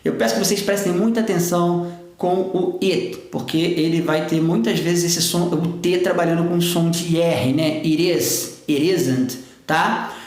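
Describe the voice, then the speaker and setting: A man's voice: fairly high pitch, fairly even intonation, unhurried, darkish tone. Chatty Brazilian man teaching, echoey room. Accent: Brazilian Portuguese. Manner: chatty, often checks in with "tá?" and "gente". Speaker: English teacher. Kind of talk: explaining grammar at a whiteboard.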